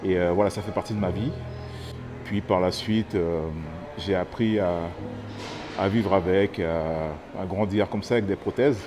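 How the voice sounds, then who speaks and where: A man in his thirties from French Guiana gives a personal testimony, thoughtful and pausing often as he searches for words. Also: low-pitched, steady tone, music in the background. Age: 30s. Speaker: interviewee.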